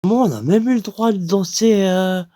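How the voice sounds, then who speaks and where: A man's voice: high voice, normal speed, mellow, dry recording, clean studio sound. A man with a French accent telling a rambling comic anecdote, full of hesitations and acting out other people's lines. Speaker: comic storyteller.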